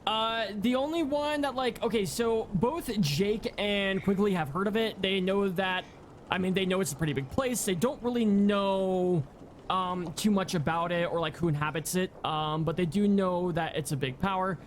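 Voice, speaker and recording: A young man narrating as game master over voice chat, halting, with many ums and restarts. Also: sits high, a little hiss or hum. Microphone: home microphone on voice chat.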